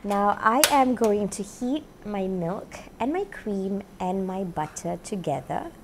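Animated yet slow-paced, her mid-range voice carries cheerful cooking-show chatter to the camera, thick with "you know." The woman, a chef in her thirties, wears a lapel mic in an indoor home-style kitchen studio with slight background noise.

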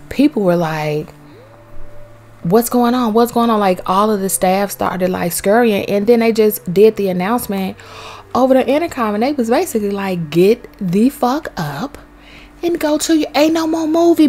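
A woman vlogger with a son, chatting casually and telling a story while touring a game world. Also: mid-range voice. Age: young adult to middle-aged, has a son. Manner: chatty, animated, swears casually. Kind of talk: casual storytelling over gameplay.

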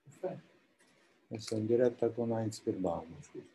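A man's voice: fairly low pitch, moderate pace, warm tone, a little hiss or hum. A man hosting an informal live interview, with hesitant, roundabout phrasing. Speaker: interview host.

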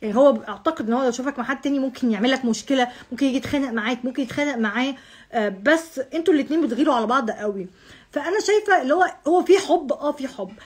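A woman's voice: sits high, lively intonation, rapid-fire, husky. A woman with an Egyptian accent, an astrologer giving a casual monthly horoscope reading, talking straight to the viewer, repeating herself and dropping English phrases. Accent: Egyptian Arabic. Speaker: astrologer host.

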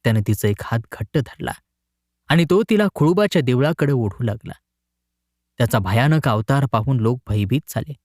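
A man narrating a short story in a dramatic, expressive reading. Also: medium pitch, moderate pace, no echo, studio quality.

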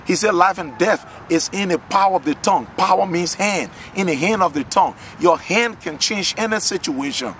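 A man's voice: sits high, normal speed, hardly any pauses, fairly bright tone, a little hiss or hum. A middle-aged man from Liberia, a pastor giving an earnest testimony and sermon to a close camera outdoors, often repeating words as he builds fervor. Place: outdoors in a garden, trees behind. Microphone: camera at close range.

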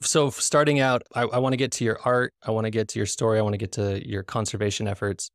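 Low-voiced man hosting a video-call podcast. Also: little pitch movement, fast talker, no room sound, studio quality. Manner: friendly, restarts phrases, asks questions. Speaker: podcast host. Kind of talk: casual interview on a video call. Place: living room indoors. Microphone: headset with boom mic on a video call.

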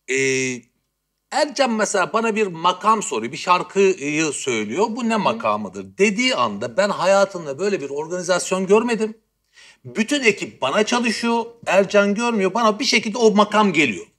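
Male talk show guest, playful and amused, lively, slightly high voice. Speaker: guest musician. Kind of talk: casual chat, telling a funny story.

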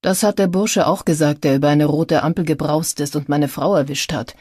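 A woman voicing a tired male detective. He is firm and gruff. The voice is low, mellow and a little husky. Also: steady tone, a little fast, dry recording, clean studio sound. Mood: firm weary.

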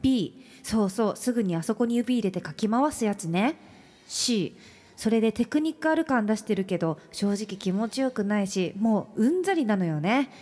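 A woman co-hosting a radio show, reading a listener's letter aloud and reacting with quick laughs. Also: mid-range voice, expressive, a little mellow. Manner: laughs easily, brief reactions. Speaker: radio co-host. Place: radio studio.

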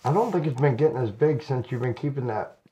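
Mellow middle-aged man chatting over noise. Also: mid-range voice, animated, quick pace, muffled recording. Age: 40s or 50s. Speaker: chiropractic patient. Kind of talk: casual chat during a treatment. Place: small chiropractic office, indoors. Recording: noticeable background noise, clicks.

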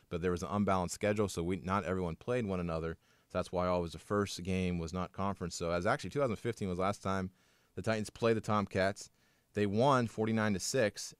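A man's voice: deep voice, clear, resonant tone, no room sound, clean studio sound. A young man co-hosting a college sports podcast, running through scores and stats in an upbeat way with light banter. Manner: reads stats briskly, upbeat promo tone. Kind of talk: scripted sports recap, casual banter.

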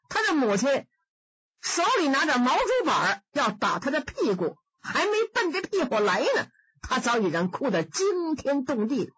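A woman performing traditional Chinese storytelling, vivid and animated as she acts out the figures. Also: high voice, slightly rough, no room sound. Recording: dull dry studio recording.

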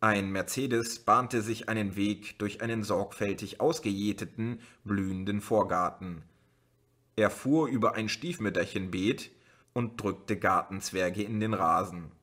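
A man narrates a novel as an audiobook in a steady, even delivery. His voice sits on the low side but carries a bright, forceful edge. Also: a little slow. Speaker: audiobook reader.

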